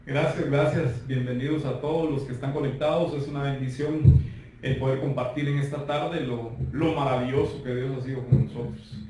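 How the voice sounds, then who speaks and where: A man turning forty with a Guatemalan Spanish accent, telling his life testimony in an earnest, measured way. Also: mid-range voice, steady tone, warm tone. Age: 30s. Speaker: guest giving testimony. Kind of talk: personal testimony. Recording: roomy far-off mic with faint noise.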